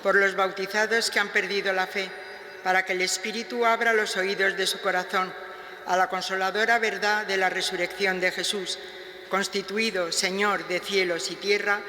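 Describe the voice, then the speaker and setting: A man's voice: sits high, flat delivery, normal speed, bright, forceful tone. A man reading prayers of intercession at Mass in a formal, solemn recitation, echoing through a large church. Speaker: lay reader of the prayers of the faithful. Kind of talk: read liturgical intercessions. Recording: echoey church with long reverb.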